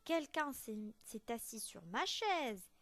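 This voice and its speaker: A woman's voice: high-pitched, sing-song, takes it slowly, no room sound, heavily acted. A woman voicing a middle-sized bear in a storybook reading, with a plain, emphatic delivery. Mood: indignant.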